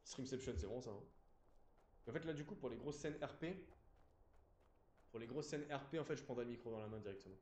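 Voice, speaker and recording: A man's voice: medium pitch, brisk, long pauses, darkish tone, echoey room, a little hiss or hum. A man live-streaming a game, chatting casually and apologizing to his viewers while leaning close to a desk mic in an empty room.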